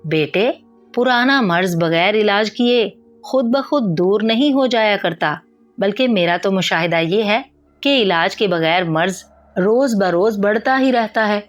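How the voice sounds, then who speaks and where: A woman voicing a wise old male healer and magician who speaks in a measured, lecturing way. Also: medium pitch, lively intonation, soft background music, natural voice. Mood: calm advising.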